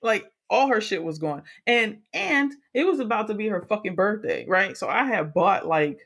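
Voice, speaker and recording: A man's voice: high voice, moderate pace, vocal fry. A man co-hosting a podcast, telling a story in casual chat with lots of swearing and laughter. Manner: animated, profane, laughs through his stories. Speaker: podcast co-host.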